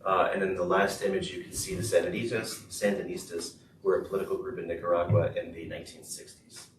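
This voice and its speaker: A man interpreting a student's talk into English at a school board meeting, steady with frequent "uh". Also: sits low, normal speed. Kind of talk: consecutive interpreting. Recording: echoey room, far mic, noisy.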